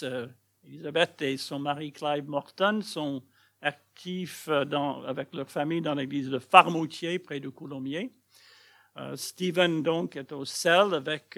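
An older man from Massachusetts with an American accent, a pastor speaking French with many halting fillers as he opens a sermon with humor. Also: a little high, creaky, a bit bright. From Massachusetts, United States. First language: English. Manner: hesitant, halting, frequent fillers, self-deprecating humor. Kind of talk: sermon introduction.

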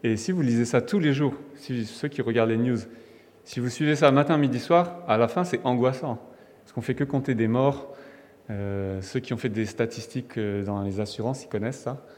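A man's voice: mid-range voice, moderate pace, a little mellow. A man from France preaching a sermon in a conversational, emphatic way, with restarts and fillers. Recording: long hall reverb.

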